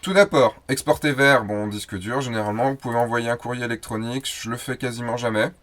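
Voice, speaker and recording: A man hosting a photo tutorial, explaining software in a loose, chatty way with fillers and self-corrections. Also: medium pitch, fast. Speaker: host of a photo tutorial show. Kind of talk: casual screen-recorded software tutorial.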